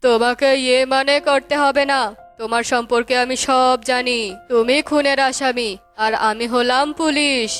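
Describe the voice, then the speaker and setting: A woman's voice: high-pitched, steady tone, moderate pace, fairly bright tone, clean tone, soft background music. A woman voicing a stern bird police officer who firmly exposes a fugitive in a cartoon. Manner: firm, accusing.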